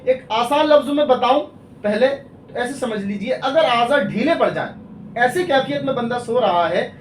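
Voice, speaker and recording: A man with a strikingly high voice, explaining religious rules patiently step by step. He keeps checking that the listener follows and uses worked examples. His voice comes from a distance in an echoey room, with faint background noise. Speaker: Islamic scholar (mufti).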